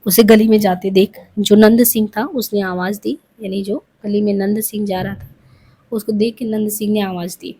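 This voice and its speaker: A woman narrating a novel aloud in an unhurried, plain way. Her voice is mellow and slightly husky. Now and then she stops to explain a passage in her own words. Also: mid-range voice, steady tone. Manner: plain reading with explanatory asides.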